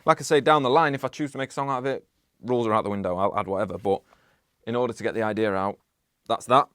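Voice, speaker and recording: A man's voice: mid-range voice, fast talker, clear, resonant tone, no echo. A young man who makes music, talking casually about his process in his home studio, rambling with lots of "like". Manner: relaxed, rambling, many "like" fillers. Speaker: music producer. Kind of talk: casual studio vlog talk.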